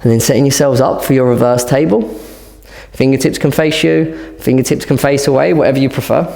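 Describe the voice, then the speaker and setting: A man's voice: fairly high pitch, gravelly, a little mellow, big-room sound. A man guiding a fitness class through handstand conditioning, cueing moves while demonstrating and sometimes out of breath. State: out of breath at times. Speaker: fitness instructor.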